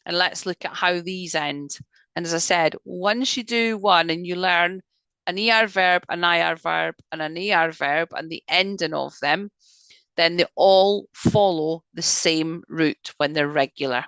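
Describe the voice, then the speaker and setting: A woman leads a Spanish class over a video call, with a pitch that sits a little low and a bright, clear edge. She drills each word slowly and patiently, then checks in with her students. The sound is dry and close, with no room echo. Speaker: Spanish teacher. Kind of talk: online language lesson.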